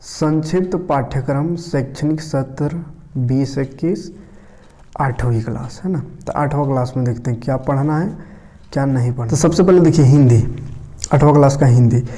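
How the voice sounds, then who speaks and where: A man's voice: mid-range voice, moderate pace, mellow. A man from Jharkhand with a Jharkhand Hindi accent, teaching casually and often checking in with his listeners. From India. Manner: conversational, tag phrases like "okay" and "isn't it". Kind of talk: casual explanatory lesson.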